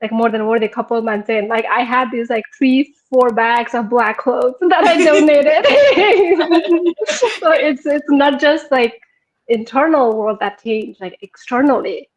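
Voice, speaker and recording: A woman's voice: sits high, a little slow, dull audio. A woman in her thirties from Nepal, a guest talking casually about her personal transformation, laughing often and filling with "like". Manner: giggly, frequent laughter, many fillers. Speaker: program participant, guest. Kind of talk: casual conversational testimonial.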